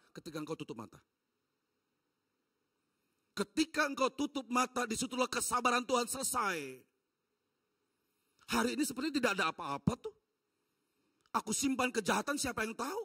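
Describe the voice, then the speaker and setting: A man preaching a sermon as a pastor, dramatic, with rhetorical questions put to the congregation and sudden drops to a soft low voice. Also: breathy edge. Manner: dramatic, shifting from loud exhortation to low soft-spoken voicing of God. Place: church.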